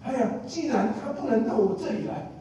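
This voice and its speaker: A man's voice: very high voice, fairly quick, warm tone, a little hiss or hum. A man preacher voicing a tormented rich man, wailing and pleading. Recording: echoey room from a distant mic.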